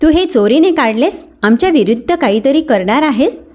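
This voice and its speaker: A woman voicing a grown son who demands money and turns harsh and angry with his mother, fairly high in pitch. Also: lively intonation, normal speed. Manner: harsh, shouting at times.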